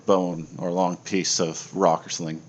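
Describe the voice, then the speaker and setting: A deep, darkish male voice with little pitch movement narrates a tabletop game at normal speed, the man acting as game master on an online voice call. His talk is casual and sprinkled with swearing, recorded in a noisy home voice-chat setup.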